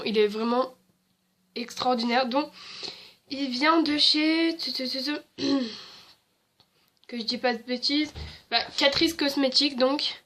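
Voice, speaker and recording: A woman's voice: sits high, a bit bright. A young woman chatting casually as a beauty vlogger, with many fillers and restarts. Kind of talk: casual haul and swatch video.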